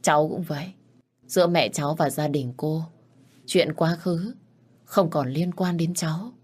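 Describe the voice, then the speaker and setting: A woman's voice: sits low, measured pace, a little mellow, slightly rough. A woman voicing a weary older mother who gives grave advice.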